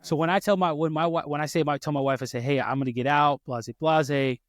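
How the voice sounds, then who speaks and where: Talking fast in a fairly high, fairly even voice, a podcast host in his thirties shares personal stories casually, restarting and self-correcting often. The sound is studio quality with no room sound.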